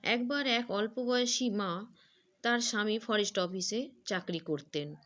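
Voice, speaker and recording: A woman narrates a devotional story, halting often and filling gaps with small filler words. Her pitch is middling for a woman. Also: fairly bright tone.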